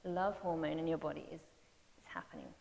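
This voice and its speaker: A woman gently leading parents through mindfulness and movement exercises, giving soft cues to breathe. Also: low-pitched, sing-song, normal speed, vocal fry. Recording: long reverb with faint hiss.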